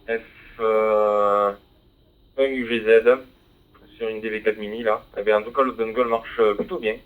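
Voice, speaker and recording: A lowish, level-toned man talks a little slowly over ham radio, leaving long pauses and hesitating with frequent fillers. He spells call signs phonetically. Sent from a handheld mic and decoded by a receiver, the audio is tinny narrowband digital with faint hiss.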